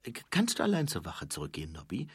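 Man doing a guarded young woman sergeant: quiet, hesitant, husky. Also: sits low, wildly swooping pitch, fast, no echo, studio quality, heavily acted. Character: guarded young female watch sergeant, werewolf.

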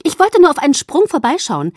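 Frau spricht eine quirlige junge Vampirin. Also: female voice, high voice, wildly swooping pitch, fairly quick, no echo, studio quality, voice pushed up. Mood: bubbly. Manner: bubbly and teasing. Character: cheerful, lively young female vampire. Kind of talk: audiobook character voice.

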